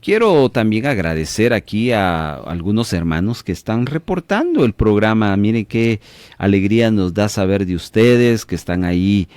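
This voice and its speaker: A man's voice: lowish voice, sing-song, moderate pace, a little mellow, clean tone, no room sound. Emphatic radio Bible teacher, man. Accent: Latin American Spanish. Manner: preachy, emphatic, asks listeners questions. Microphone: studio microphone.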